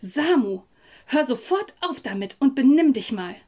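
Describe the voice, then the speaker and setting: A woman's voice: extremely high pitch, unhurried, pitched above the performer's own voice. A woman voicing a strict, angry mother at a holiday dinner in a storybook reading, speaking sharply and scolding.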